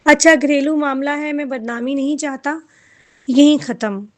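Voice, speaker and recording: A harsh, commanding middle-aged father from a storybook, curt and stern, read by a woman. The voice stays high-pitched, close to the reader's own, with the anger carried by the words. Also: steady tone, darkish tone, close to an everyday voice. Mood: angry, curt.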